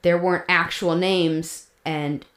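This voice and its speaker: A woman's voice: fairly low pitch, fairly even intonation, takes it slowly, a bit bright. A woman co-hosting a podcast, telling the story in a casual, chatty way with fillers and laughs. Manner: chatty, laughs often, many fillers and restarts. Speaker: podcast co-host. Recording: roomy echo.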